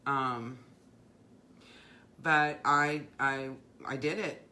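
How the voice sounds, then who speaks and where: Middle-aged woman, low and bright voice, rambling heartfelt craft-livestream host. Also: fairly even intonation, drawn-out words. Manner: heartfelt, rambling, many fillers and restarts. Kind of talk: casual live-stream chat.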